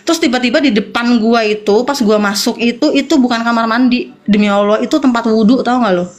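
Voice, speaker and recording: A woman's voice: a little high, a little fast. A woman, a guest in a casual chat, telling a personal story in slangy talk and often repeating herself.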